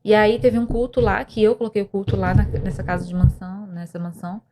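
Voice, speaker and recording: A woman's voice: medium pitch, little pitch movement, fast, background noise. A young woman, earnestly telling a personal story of faith and depression as a podcast guest, with many restarts. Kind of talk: emotional personal testimony.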